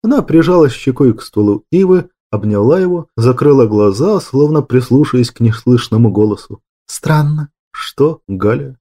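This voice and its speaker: A male audiobook narrator reads literary prose in a measured, lyrical manner. His voice is mellow and dark, at an ordinary male pitch. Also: expressive.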